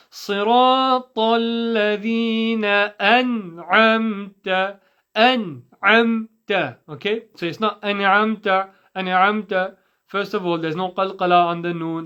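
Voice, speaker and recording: High, smooth-voiced man drilling pronunciation. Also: a bit bright, highs cut off. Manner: patient, repeats sounds slowly and drills them. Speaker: Quran recitation teacher. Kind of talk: pronunciation lesson.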